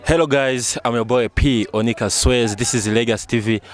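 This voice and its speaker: A man hosts a casual outdoor street interview, quizzing his guest playfully and informally. His voice sits at an ordinary mid pitch, and his talk is loose and friendly. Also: steady tone, brisk, soft background music. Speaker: interviewer and channel host. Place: outdoors in a town.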